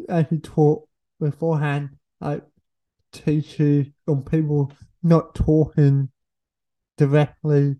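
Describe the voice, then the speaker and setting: A young woman guest on a podcast, speaking in a halting way and searching for words with pauses and "uh". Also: low voice, warm tone. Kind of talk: casual conversation. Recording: dull lo-fi recording.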